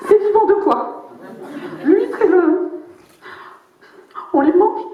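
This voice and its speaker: A woman's voice: very high-pitched, full character voice. A woman performing a crude, spiteful old grandmother in a comedy monologue, foul-mouthed and gleefully mocking. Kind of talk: stand-up character monologue. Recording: dull, echoey room sound.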